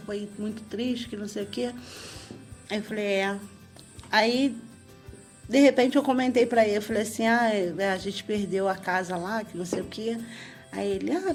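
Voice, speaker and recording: A woman's voice: mid-range voice, a little mellow. A woman, a guest on a radio interview, telling a personal story at length and acting out what people said. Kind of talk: personal testimony in conversation.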